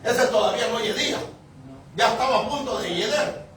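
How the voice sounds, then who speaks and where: A male pastor with a high voice preaches from the Bible in a loose, chatty way, chuckling and calling out to his listeners. He breaks into sudden shouts to drive points home. The sound is very echoey and distant, picked up from far across the church. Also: brisk, slight background noise. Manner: conversational, often chuckling and calling out to the congregation; rises to sudden shouts for emphasis. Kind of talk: Bible-reading sermon. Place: church sanctuary. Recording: very echoey room, mic from afar.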